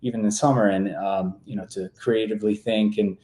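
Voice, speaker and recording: Dark-voiced man in his twenties from Serbia. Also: on the low side, a little fast, echoey room. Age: 20s. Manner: relaxed, easygoing, with frequent fillers and restarts. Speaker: guest real estate agent. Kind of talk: casual interview talk.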